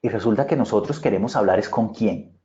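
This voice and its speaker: With a lowish, warm voice and brisk delivery, this Bogotá-accented public speaking consultant talks conversationally in a virtual conference session, often checking in on his listeners, heard through muffled video-call audio.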